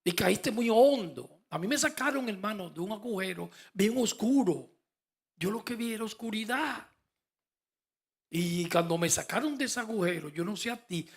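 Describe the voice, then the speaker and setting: A male pastor preaching a fervent sermon, swinging from soft asides to emphatic calls. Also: sits high, husky.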